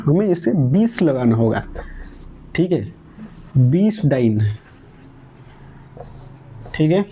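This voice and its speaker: A man's voice: a little high, dark tone. A man teaching a chemistry lesson, explaining step by step and answering his own questions, mixing English words into Hindi. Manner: adds "ठीक है?" after each point. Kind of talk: classroom lecture.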